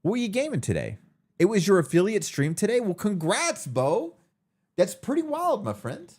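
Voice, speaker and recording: Lively, chatty male streamer host. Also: high voice, normal speed. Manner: upbeat, greets viewers by name. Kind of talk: casual live-stream chat.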